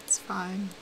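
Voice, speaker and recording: A woman streaming a game and chatting casually, excitable and teasing, with sudden loud exclamations. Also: slight background noise, poor audio. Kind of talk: casual gaming chat.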